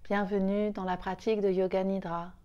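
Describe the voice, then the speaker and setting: A woman guides a yoga nidra meditation, speaking soothingly and without hurry in short phrases separated by long pauses. Her medium-pitched voice is mellow, with little pitch movement, and the sound is lo-fi.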